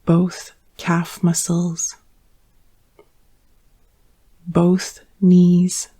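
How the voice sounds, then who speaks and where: Gentle instructions come slowly, separated by long silences, as a woman leads a yoga nidra session in a calm, soothing way. Her voice is fairly low with a breathy edge.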